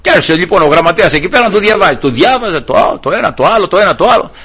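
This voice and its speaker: A man's voice: high voice, animated, fairly bright tone, slightly rough. A male preacher giving a sermon, telling a Bible story and calling his listeners brothers.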